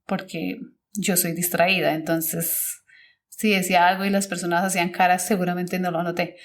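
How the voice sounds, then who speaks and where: A woman's voice: lowish voice, little pitch movement, moderate pace. A woman teacher hosting a podcast, talking casually and thinking aloud, often correcting herself and searching for words. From Colombia.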